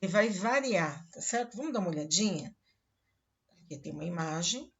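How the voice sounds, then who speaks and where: A woman with a Brazilian accent teaching a literature class online, explaining slowly and reading poems aloud to students. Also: on the low side, lively intonation, breathy edge. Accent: Brazilian Portuguese. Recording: dull lo-fi recording.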